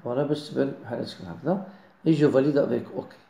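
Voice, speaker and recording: A man with a Moroccan accent giving a software design tutorial, mixing in French words and often checking that viewers follow. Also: mid-range voice, very fast, creaky, roomy sound. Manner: mixes French into explanations, keeps checking understanding. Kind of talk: screen-recorded software tutorial.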